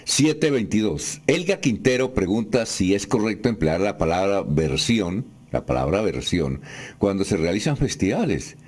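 A man's voice: fairly low pitch, very animated, normal speed, darkish tone. A man hosts a radio show, reading listener questions aloud in a formal, courteous way. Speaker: radio host.

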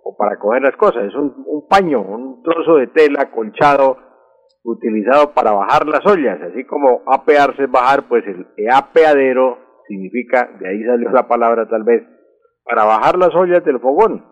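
A man with a husky voice explaining word usage on a radio segment, repeating words for emphasis. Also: medium pitch, expressive, moderate pace. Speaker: language expert answering listener questions. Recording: dull lo-fi radio recording.

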